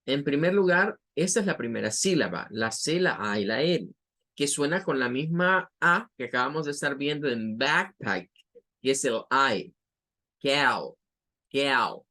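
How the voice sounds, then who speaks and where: A man's voice: medium pitch, animated, moderate pace, sharp tone. A male English teacher with a Latin American Spanish accent, giving a vocabulary lesson and patiently repeating each word for pronunciation.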